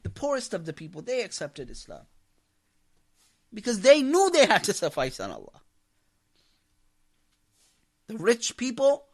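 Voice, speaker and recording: A man with a fairly high, slightly bright voice and some vocal fry teaches a religious class as an imam. Lecturing the congregation with passion and emphasis, he repeats key phrases and asks his listeners rhetorical questions.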